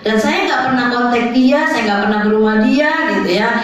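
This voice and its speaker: A woman's voice: a little high, a little fast. An older woman pastor, telling a testimony in a sermon and often turning to address the congregation. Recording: very echoey hall, mic far off.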